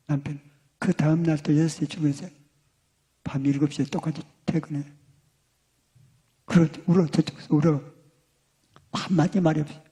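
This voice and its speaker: An older man preaching a sermon, telling a story dramatically and acting out the couple's lines, swinging between loud and hushed. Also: on the high side. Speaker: pastor.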